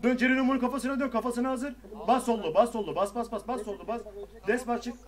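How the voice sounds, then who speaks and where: A young man leading his party over voice chat in an online game, firing off rapid repeated commands, swearing and breaking into laughter. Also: very high voice, steady tone.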